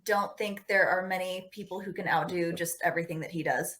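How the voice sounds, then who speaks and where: A woman's voice: on the low side, fairly even intonation, a little fast, a bit bright. A woman who sings in a metal band, talking as a podcast guest in a casual, giggly, self-deprecating way. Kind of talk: casual chat.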